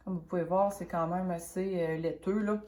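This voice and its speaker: A woman's voice: on the low side, steady tone, normal speed, mellow, reverberant. A woman with a Quebec French accent and a cold, giving a casual painting tutorial in a chatty, rambling, hesitant way, thinking aloud. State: has a cold. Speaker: craft tutorial host.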